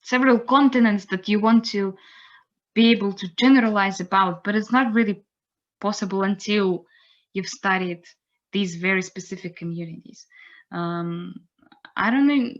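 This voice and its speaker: A young woman giving an online lecture, unhurried and pausing to search for words. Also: mid-range voice. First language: Russian. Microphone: computer mic on a video call. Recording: slightly dull video-call audio.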